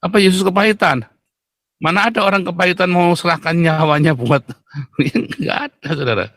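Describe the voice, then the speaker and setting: A middle-aged man, preaching a fiery sermon in a blunt, mocking, booming way. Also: normal speed, fairly bright tone, no echo. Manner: blunt, mocking, booming, addresses listeners as "saudara".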